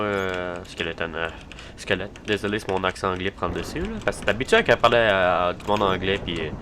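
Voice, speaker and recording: A man's voice: fairly low pitch, background noise. A man giving casual let's-play commentary, hesitant and full of fillers, talking to his character and the mobs on screen. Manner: rambling, hesitant, many fillers and restarts. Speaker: gaming video creator.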